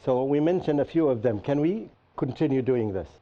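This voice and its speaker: A man's voice: mid-range voice, lively intonation, a little fast, mellow. A man teaching a class, often asking students what else they can name and explaining patiently with examples. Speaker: Qur'an teacher and show host. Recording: dull lo-fi recording.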